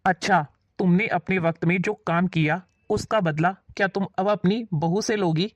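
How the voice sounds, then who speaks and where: A woman's voice: lowish voice, normal speed, a little hiss or hum, lightly acted. A woman playing an older father-in-law who reasons patiently with his wife in a family drama. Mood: reasoning. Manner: patient, lecturing.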